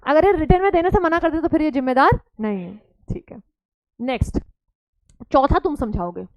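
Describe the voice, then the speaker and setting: A woman's voice: sits high, lively intonation, normal speed, a little mellow, no echo. A woman teacher giving a classroom lecture, switching between Hindi and English and teasing her students.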